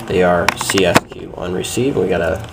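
Seated at a desk in a small room, a man walks through radio equipment in a relaxed, halting demonstration. His voice is low and his pace moderate, captured on noisy amateur camcorder or phone audio.

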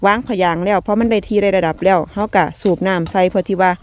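Outdoors in a rural home garden, a vlog host with an Isan accent races along in a medium-pitched, steady voice. Her folksy, chatty talk with viewers is dotted with frequent laughter and soft polite particles at the ends of phrases.

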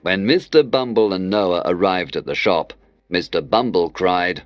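A man reading an English learner's story aloud, slowly and clearly. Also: low voice, no echo, soft background music. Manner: very slow, clearly spaced reading. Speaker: story narrator.

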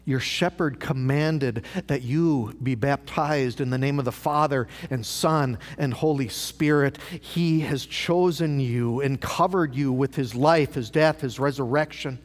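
A man's voice: medium pitch, unhurried, hardly any pauses. A man preaching a sermon as pastor, asking rhetorical questions and repeating phrases for emphasis. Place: large church sanctuary. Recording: live church broadcast with long hall reverb.

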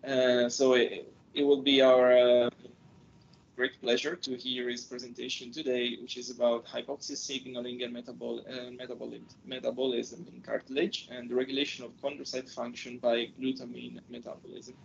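Gravelly male webinar host on a screen recording. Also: little pitch movement. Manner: halting, with frequent fillers. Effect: heard through a screen recording of a video call. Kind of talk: introducing a guest speaker. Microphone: video call. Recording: dull lo-fi audio with faint rumble.

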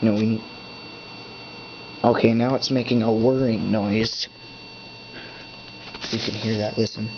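Pressing buttons on a device he's setting up, a hobbyist mutters his thoughts aloud at an indoor desk. His fairly low voice stays level and unhurried, broken by long pauses, in dull lo-fi camera audio with a faint hum.

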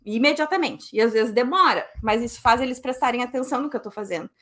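A woman's voice: on the high side, fast, a bit bright. A woman, giving a casual online lecture as a cello teacher over a webcam. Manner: casual, chatty explaining with fillers. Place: room at home. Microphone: webcam on video call.

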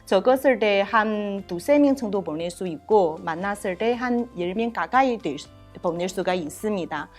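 A woman from China, a native Chinese speaker and professor, answering interview questions in halting Korean with a Chinese accent and frequent fillers. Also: mid-range voice, expressive, faint music behind. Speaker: professor, head of a university Chinese department.

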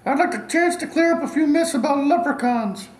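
A man voicing a cranky, boozy Irish leprechaun with a gruff, cheeky manner. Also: very high voice, lively intonation, a little fast, reverberant, pitched above the performer's own voice, low-quality recording.

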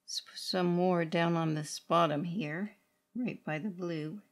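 A middle-aged woman with a low, slightly slow voice teaches watercolor painting step by step. Working at a table in an indoor studio room, she speaks unscripted in short, sparse phrases.

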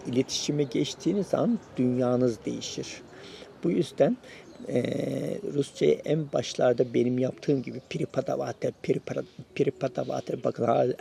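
Male host, gravelly and dark-toned, casual encouraging tutorial delivery, talks straight to viewers. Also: medium pitch, slight background noise. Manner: encouraging, repeats advice, addresses viewers as friends. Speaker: YouTube host sharing his Russian learning. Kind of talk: casual spoken lesson to camera.

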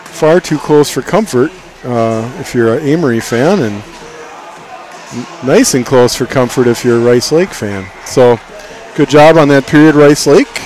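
This is local hockey commentary from a middle-aged man, delivered unhurriedly in a mid-range voice. His play-by-play is folksy and openly partisan, and the arena around him is loud with crowd noise.

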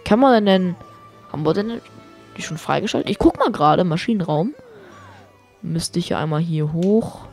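A woman giving excitable, chatty gameplay commentary as a let's play host, swearing and dropping English exclamations, her voice getting strained. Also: fairly low pitch, normal speed, gravelly, long pauses. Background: faint game music.

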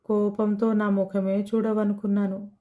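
A woman's voice: mid-range voice, little pitch movement, unhurried, narrow, tinny audio, close to an everyday voice. A woman storyteller voicing an ashamed, frightened young pregnant woman who talks apologetically and is close to tears. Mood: anxious.

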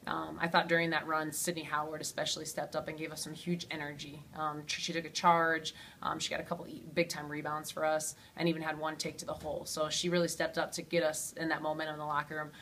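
Female coach, postgame interview, low monotone delivery, lots of filler words, faint hiss behind. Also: quick pace, hardly any pauses. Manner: steady, many ums and you-knows. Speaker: head basketball coach.

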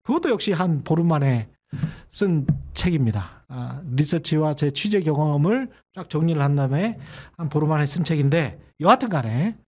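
Man talking markets, higher-pitched and chatty. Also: animated, normal speed, darkish tone. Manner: conversational with many fillers and self-corrections. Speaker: host of an economics commentary channel. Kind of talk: solo commentary to members.

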